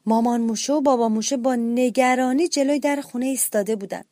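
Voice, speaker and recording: A woman reads a children's story aloud, gentle and expressive, addressing the young listeners directly. Her voice sits a little high, and the recording is studio quality with no echo.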